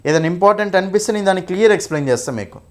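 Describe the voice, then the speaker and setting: A man's voice: sits high, expressive, very fast, darkish tone. A young man teaching an English exam-prep lesson, repeating points and checking in with "okay?" often.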